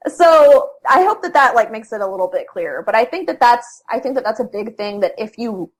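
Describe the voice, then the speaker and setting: A woman's voice: fairly high pitch, animated, brisk. A young adult woman talking as an interview guest about freelance writing, chatty, with lots of fillers and restarts. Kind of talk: casual conversational interview.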